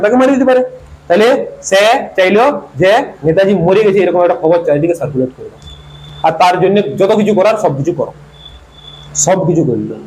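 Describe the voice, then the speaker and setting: A man's voice: high voice, darkish tone, a little hiss or hum, poor audio. A man giving an informal history lesson to students, asking questions and answering them himself. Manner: asks questions and answers them himself, repeats key words. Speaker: teacher.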